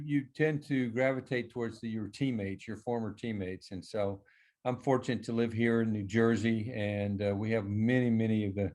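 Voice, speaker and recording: A man answering casually as a guest on a video call, with halting, hesitant phrasing. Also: on the low side, darkish tone. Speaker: retired football player speaking as a webinar guest.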